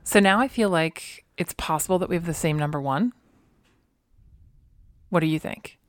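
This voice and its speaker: A woman's voice: lowish voice, moderate pace, no room sound, clean studio sound. A woman co-hosting a podcast, chatting casually with playful, enthusiastic asides. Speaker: podcast co-host. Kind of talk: casual chat.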